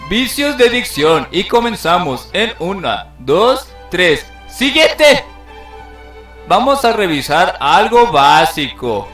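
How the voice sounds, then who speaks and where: A man's voice: high-pitched, a bit bright, echoey room, far from the mic. Theatrical man narrating a lesson. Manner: theatrical, exclaims in mock outrage. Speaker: video narrator. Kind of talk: playful educational narration.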